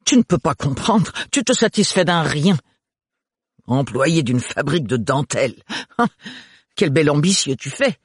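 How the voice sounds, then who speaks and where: Guy doing a shrill whiny spoiled girl, way up high, draggy, dry husky read. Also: lively intonation, moderate pace, pauses often, no echo. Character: whiny, vain young woman, spoiled and dramatic.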